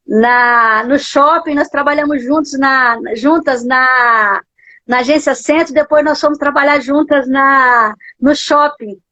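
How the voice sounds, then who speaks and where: In a live interview over dull, lo-fi live stream audio, a guest pastor with a Brazilian Portuguese accent tells an emotional testimony, her voice breaking at times. Her voice is high-pitched and a bit bright.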